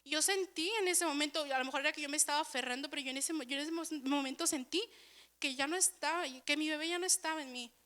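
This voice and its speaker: A woman's voice: high-pitched, fast, sharp tone. A young woman sharing an earnest, emotional personal testimony in church, often repeating and restarting her words. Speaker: church speaker.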